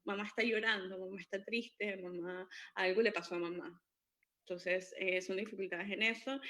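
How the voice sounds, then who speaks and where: Bright-voiced woman explaining. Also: mid-range voice. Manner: hesitant, many fillers and restarts. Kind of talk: informal educational talk.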